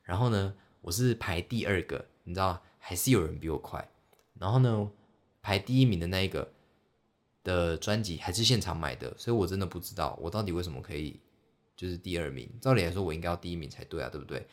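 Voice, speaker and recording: A man's voice: low voice, fast talker. A young man hosting a solo podcast, telling a story in a rambling, self-mocking way with many fillers. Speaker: podcast host. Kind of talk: solo casual chat.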